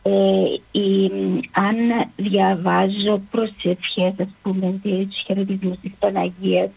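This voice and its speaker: Hesitant, raspy-voiced woman caller. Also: medium pitch, monotone, a little mellow, poor audio. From Nicosia. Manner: polite, hesitant. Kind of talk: phone-in question.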